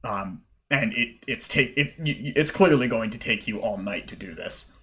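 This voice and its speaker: A man running a tabletop game as game master, narrating with a relaxed, halting delivery. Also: lowish voice. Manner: relaxed, hesitant with fillers and restarts.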